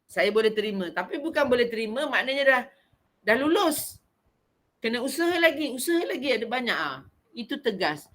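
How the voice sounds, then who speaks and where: Bright, expressive Malaysian woman teacher. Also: fairly high pitch, brisk. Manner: expressive, frank, animated and talkative. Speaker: vocal Quran recitation teacher. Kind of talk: conversational class talk.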